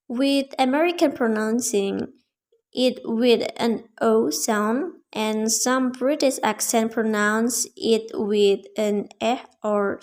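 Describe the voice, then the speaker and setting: A young woman student giving a prepared class presentation, reading in a careful, measured way with small slips. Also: on the high side. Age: young adult.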